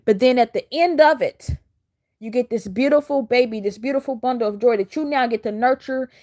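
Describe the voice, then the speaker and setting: Woman coach chatting to her viewers, earnest, kinda rambly, encouraging, voice on the higher side. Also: brisk, dark tone. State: close to tears. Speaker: spiritual coach and vlogger. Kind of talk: casual heartfelt monologue to camera.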